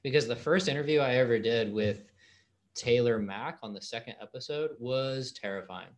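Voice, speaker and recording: A man's voice: medium pitch, moderate pace. A man hosting a podcast in a casual interview chat, laid-back and slangy, laughing easily. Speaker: podcast host.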